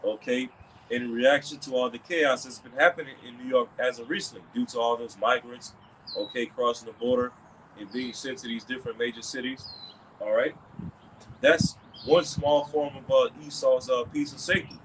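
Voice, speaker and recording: A man's voice: medium pitch, fairly even intonation, normal speed, background noise. Rambling man leading religious commentary. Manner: rambling, peppered with "okay" and "all right".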